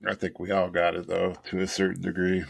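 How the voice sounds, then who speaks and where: A man with a low, gravelly voice that stays flat in tone. He chimes in with brief, quick replies in a casual podcast chat, heard dry and close. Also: no room sound. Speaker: podcast co-host.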